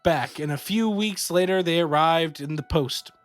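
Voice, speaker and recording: A man co-hosting a podcast, reading a horror story aloud in a slow, steady storytelling way. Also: on the high side, faint music behind. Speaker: podcast co-host.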